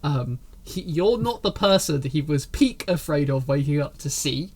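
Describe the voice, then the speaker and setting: A man's voice: fairly high pitch, lively intonation, moderate pace. A man running a tabletop game as game master, describing scenes in a rambling way with many fillers.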